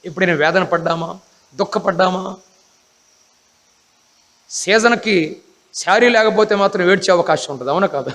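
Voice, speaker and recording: A man's voice: high-pitched, normal speed, long pauses, a bit bright, long reverb tail. A man preaching a Bible class sermon, emphatic, often asking the congregation rhetorical questions.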